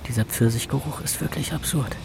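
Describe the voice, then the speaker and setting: An actor playing a young man narrating his own ordeal in measured, matter-of-fact literary radio narration. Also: mid-range voice, creaky, a little mellow, slight background noise, close to an everyday voice. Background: music.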